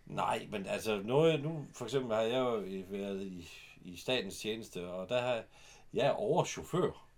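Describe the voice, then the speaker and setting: Older man chiming in, casual chat. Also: fairly low pitch. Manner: chimes in with short agreements and plot details.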